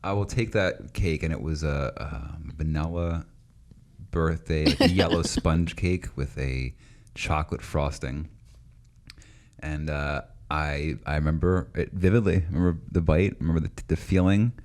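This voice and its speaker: A man's voice: very deep voice, normal speed. A man in his thirties co-hosting a podcast, telling stories in casual chat and acting out quoted voices with frequent laughs. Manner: animated, laughs often, acts out quoted voices. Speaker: podcast co-host.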